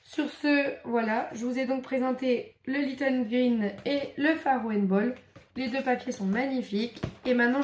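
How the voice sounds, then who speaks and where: Woman, fairly high voice, chatty, enthusiastic, echoey room. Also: darkish tone. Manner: chatty, many fillers, enthusiastic. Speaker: crafts vlogger. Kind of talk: casual show-and-tell.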